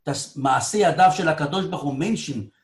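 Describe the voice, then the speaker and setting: Man, storyteller, animated, high voice, echoey room, hushed to near-shouting. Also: racing, gravelly. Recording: roomy echo.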